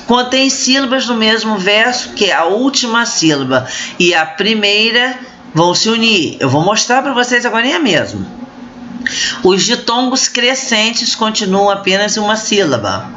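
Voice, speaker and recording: A Brazilian-accented woman teaches literature in a recorded online class, often pausing to check on her students. Her medium-pitched, fairly bright voice swings widely in pitch at normal speed, and the muffled lo-fi audio carries slight background noise.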